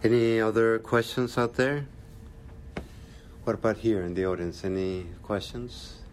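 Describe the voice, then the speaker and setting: Brisk male moderator, far off. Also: on the low side, steady tone, slight background noise. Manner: brisk, hurrying the questions.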